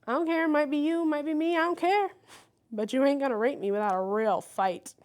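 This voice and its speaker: A woman's voice: sits high, steady tone, a little fast. A woman in her thirties giving frank, self-mocking interview answers and laughing often.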